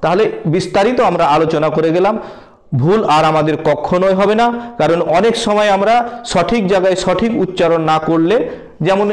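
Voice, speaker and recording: In a roughly recorded spoken lesson, a man with a high-pitched voice explains English grammar and word meanings, calling his viewers friends. He repeats his points, spells words out letter by letter, and emphasizes things slowly and deliberately.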